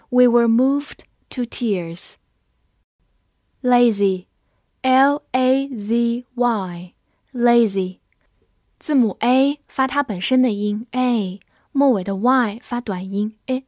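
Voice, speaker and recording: A woman teaching English words to Chinese speakers, spelling them out letter by letter and reading example sentences slowly. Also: fairly high pitch, darkish tone, dry recording, clean studio sound. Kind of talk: vocabulary lesson.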